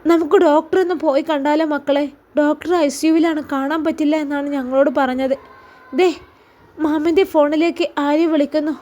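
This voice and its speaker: A woman's voice: high-pitched, fairly even intonation, fairly quick, dark tone. A woman with a Malappuram Malayalam accent narrating a story, reading every character's lines in her own voice. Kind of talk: scripted story narration with dialogue.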